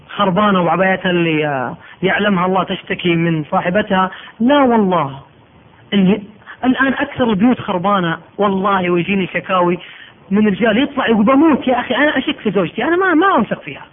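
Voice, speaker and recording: A man preaching a sermon, telling stories emphatically and pressing his points with oaths. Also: high voice. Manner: emphatic, storytelling, swearing oaths. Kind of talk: sermon with storytelling. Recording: tinny phone-like recording, faint noise.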